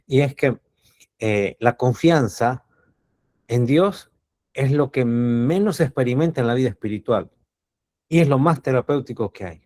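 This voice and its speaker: A man's voice: mid-range voice, animated, normal speed, long pauses, darkish tone. A man from Cuba, giving a reflective spiritual teaching talk as a coach. He speaks earnestly, repeats his key words and asks rhetorical questions.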